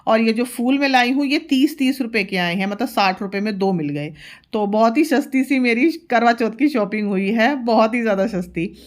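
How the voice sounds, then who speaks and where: A woman's voice: fairly high pitch, normal speed. A woman in her thirties, a mother, chatting casually through a home vlog and explaining each step. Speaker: vlogger, mother.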